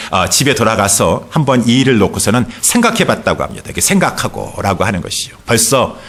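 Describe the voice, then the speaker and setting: Korean pastor preaching with emphatic rises. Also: male voice, mid-range voice. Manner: storytelling, rising emphatically on key points. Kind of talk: sermon.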